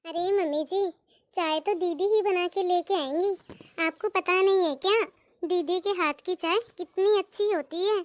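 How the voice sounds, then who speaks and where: A woman voicing a sharp-tongued, jealous younger daughter-in-law in a cartoon, taunting and sarcastic. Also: extremely high pitch, moderate pace. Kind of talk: cartoon voice acting.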